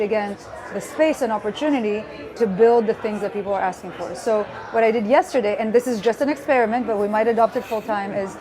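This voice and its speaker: A woman from Greece in her thirties, a guest speaker in a live interview, talking in an earnest, upbeat way with some restarts. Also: a little high. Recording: live event with a crowd behind.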